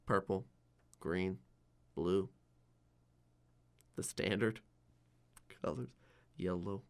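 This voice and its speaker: Joking young man, low voice. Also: drawn-out words, gravelly. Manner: jokey, animated, swings loud and quiet. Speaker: podcast co-host. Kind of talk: casual chat.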